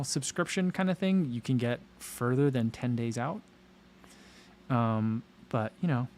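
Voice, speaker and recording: A man's voice: mid-range voice, a little mellow, slight background noise. Chatty man reading livestream comments. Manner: rambling, laughs often, many fillers. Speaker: running channel host. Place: home livestream.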